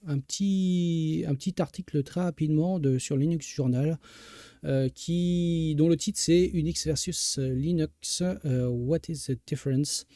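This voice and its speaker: A man's voice: on the high side, dark tone, no echo, clean studio sound. A man hosting a casual tech news live stream, talking hesitantly with many filler sounds and restarts, and greeting viewers from the chat.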